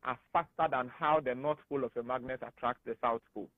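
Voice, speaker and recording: A man with a Ghanaian English accent, speaking as a guest analyst on a radio talk show, animated and emphatic. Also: medium pitch, quick pace, dry recording. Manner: animated and emphatic, laughs often. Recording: tinny phone-like radio studio sound.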